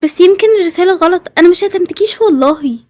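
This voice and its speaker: A woman's voice: extremely high pitch, rapid-fire, a little mellow, no room sound, studio quality. A woman with an Egyptian accent voicing a friendly schoolgirl who pleads that she is innocent. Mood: pleading. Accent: Egyptian Arabic. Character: friendly schoolgirl wrongly accused.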